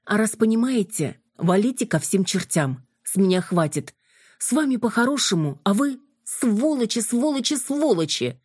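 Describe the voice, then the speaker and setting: A woman reading an audiobook, voicing a furious young woman who shouts and curses at vampires with scorn. Her lines are read with a raised, heated delivery. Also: medium pitch, lively intonation, normal speed, breathy edge, dry recording, studio quality, pitched above the performer's own voice.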